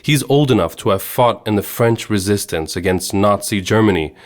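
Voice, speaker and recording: A man from Sweden hosting a podcast, giving measured, earnest scripted narration. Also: lowish voice. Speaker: podcast host.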